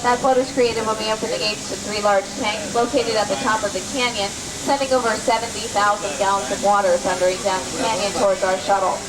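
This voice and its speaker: A woman's voice: mid-range voice, fairly even intonation, fast talker, few pauses, a loud crowd. A woman working as a tram tour guide, delivering scripted narration and announcing to a group of riders. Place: on a moving tour tram outdoors. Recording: echoey distant PA speaker, loud vehicle noise. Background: loud vehicle and ambient noise.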